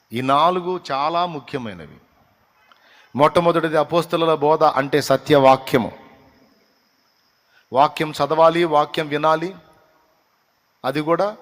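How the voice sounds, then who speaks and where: A man's voice: mid-range voice, fairly bright tone. A man preaching a sermon as pastor, often putting questions to his listeners. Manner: preaching with rhetorical questions to the congregation. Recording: long hall reverb.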